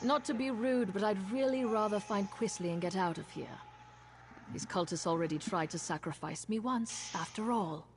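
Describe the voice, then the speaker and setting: A woman's voice: mid-range voice, normal speed, close to an everyday voice. An actress playing a wary, practical woman gambler in a video game, speaking in a dry, matter-of-fact way. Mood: guarded. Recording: long reverb, faint noise.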